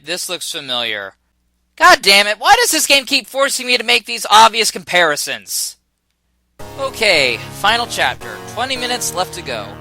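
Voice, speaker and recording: A man delivers a comedic game review in a high, very bright voice. His pitch moves animatedly as he picks things apart with sarcasm and exasperation, over music. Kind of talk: scripted comedic review narration.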